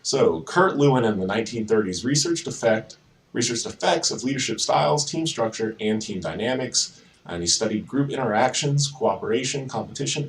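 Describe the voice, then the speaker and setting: A man's voice: medium pitch, recorded from a distance, rough recording. A young man giving a casual psychology lecture over slides, with fillers and self-corrections. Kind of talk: informal slide-based lecture.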